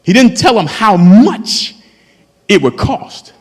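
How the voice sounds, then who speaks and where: A pastor in his fifties, this man has a high, husky voice with big pitch swings and a slow delivery. He preaches an impassioned sermon in a church sanctuary, calling out fervently to his congregation. Long hall reverb fills the recording.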